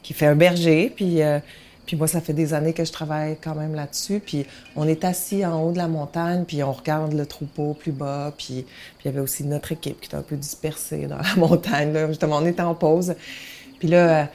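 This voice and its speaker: A woman's voice: deep voice, flat delivery, a little fast, dark tone, a little hiss or hum. A woman, a film director recounting a story casually with hesitant fillers.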